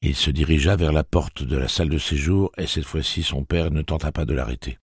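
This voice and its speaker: Man, audiobook narrator, very deep, husky, measured dramatic reading, dry close mic. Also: dry recording. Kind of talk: scripted narration of a novel.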